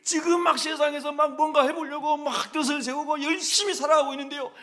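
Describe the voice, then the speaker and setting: A pastor voicing a young man who pleads with God and laments his hard life, shouting his questions. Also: extremely high pitch, steady tone, brisk, pitched above the performer's own voice. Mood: anguished pleading.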